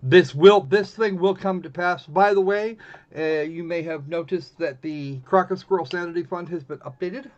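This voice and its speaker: A man with a high voice hosts a live game stream, delivering casual, snarky, rambling commentary at normal speed. The sound is muffled, dull and band-limited, with faint game music in the background.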